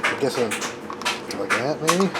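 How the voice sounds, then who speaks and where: His mid-range voice carries lively intonation at a measured pace as he casually explains car radio gear, talking through his thoughts while working on it. The hobbyist video maker is recorded with clear vehicle and ambient noise around him.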